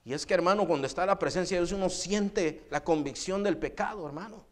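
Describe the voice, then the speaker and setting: Male church pastor, somewhat high voice, sermon with anecdotes. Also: fairly quick. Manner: addresses listeners as brother often; storytelling with quoted dialogue.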